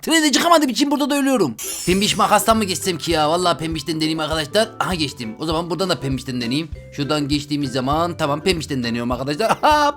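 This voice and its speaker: A man hosting a let's play, giving game commentary in an excitable way, exclaiming and joking to his viewers as he plays. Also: a little high. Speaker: gaming channel host.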